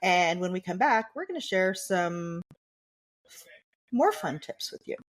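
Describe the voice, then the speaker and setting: A woman's voice: lowish voice, very animated, a little slow. Laid-back cussing woman podcast host. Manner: laid-back, cusses casually, steers the show. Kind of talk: casual chat.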